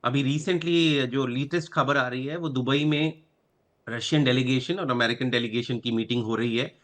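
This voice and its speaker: Man calling in to a news panel, medium voice, calm and sure, switches to english a lot. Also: medium pitch. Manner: measured, mixes English sentences, confident. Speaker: guest commentator. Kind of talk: news debate commentary.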